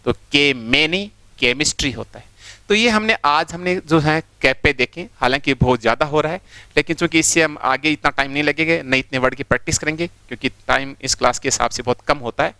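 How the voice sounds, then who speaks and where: A man's voice: a little high, fairly quick, sharp tone, clear, resonant tone, no room sound. A male teacher giving a step-by-step phonetics lesson, repeating sounds and often asking students to pay attention. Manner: repetitive, explains step by step, keeps urging attention.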